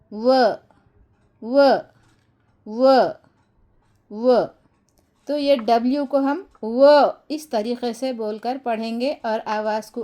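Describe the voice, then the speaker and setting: A woman's voice: on the high side, mellow. A woman teaching English letter sounds to beginners, patiently repeating each sound several times and speaking directly to her viewers with encouragement. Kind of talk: phonics lesson for beginners.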